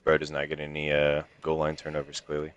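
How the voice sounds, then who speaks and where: Deep-voiced young man trash-talking. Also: completely flat delivery, quick pace, fairly bright tone, lo-fi sound. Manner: trash-talking, profane, needling. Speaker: online league player. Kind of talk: casual gaming chat.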